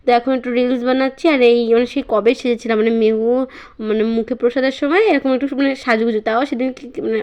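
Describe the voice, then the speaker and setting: A woman's voice: fairly high pitch, fairly even intonation, quick pace, a little mellow, dull audio. A young woman, a mother chatting casually to her vlog viewers at home with lots of fillers. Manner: chatty, many fillers, baby talk to her child.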